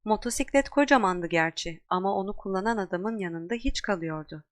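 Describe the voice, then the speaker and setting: A woman narrating an audiobook in a steady, measured storytelling voice. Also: mid-range voice, dry recording. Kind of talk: scripted narration.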